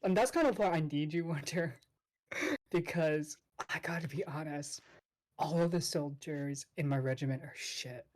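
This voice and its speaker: A woman's voice: low-pitched, normal speed, a little mellow, lightly acted. Woman playing a proud, exasperated celestial commander. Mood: exasperated, humbled. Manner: blunt, dignified but humiliated.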